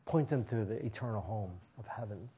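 A man's voice: lowish voice, animated, fairly quick, dark tone, slightly rough. A man preaching a sermon to his congregation in a church, pleading and emphatic, driving points home with repeated phrases. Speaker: pastor.

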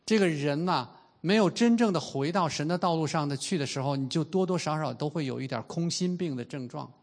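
A man in his fifties preaching a sermon in an earnest way, slowing down and stretching out the key phrases. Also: on the high side. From China. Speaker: pastor.

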